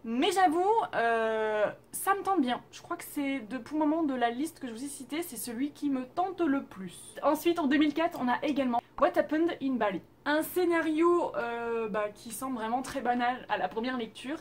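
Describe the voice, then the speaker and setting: A woman's voice: high voice, normal speed, hardly any pauses. A young woman hosting a casual vlog, chatting expressively about Korean dramas with playful asides. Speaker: YouTube host reviewing Korean dramas.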